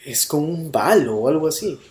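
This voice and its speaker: Man shouting in cave echo. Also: on the high side, fairly quick, slight background noise. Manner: excited, exclaiming. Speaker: podcast host. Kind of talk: acted cave exploration skit. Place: inside a cave. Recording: echoey cave.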